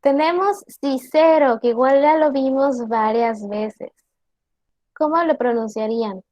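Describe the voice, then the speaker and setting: A woman teacher giving an online class, explaining slowly and deliberately and asking her students questions. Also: high voice, a little mellow, dry recording, highs cut off.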